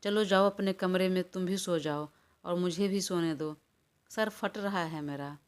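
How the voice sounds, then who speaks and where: A woman's voice: lowish voice, unhurried, clear, resonant tone, lightly acted. A woman voicing a tired, irritated young man who pleads to be left alone, in a storybook reading. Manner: weary, pleading.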